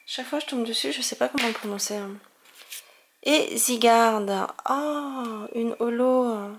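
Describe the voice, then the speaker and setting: Slow, gravelly woman unboxing cards. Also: a little high, noisy background. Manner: chatty, exclaims over each card; stumbles over names. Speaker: card-opening video host. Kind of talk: casual card-unboxing commentary.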